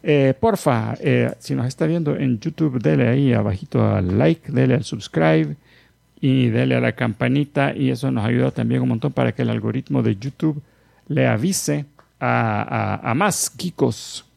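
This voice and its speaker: A man's voice: mid-range voice, moderate pace, gravelly, dry recording. A man hosting a podcast like a playful ringmaster, grandly addressing his audience and slipping in joking asides. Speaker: podcast host and producer. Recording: music bed under the voice. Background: loud music.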